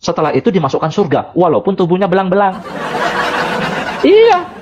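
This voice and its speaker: A man's voice: sits high, wildly swooping pitch, normal speed, dull audio. Mocking, chuckling man on a noisy live stream. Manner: mocking, chuckling between phrases. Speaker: live-stream religious debater. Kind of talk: casual live-stream talk.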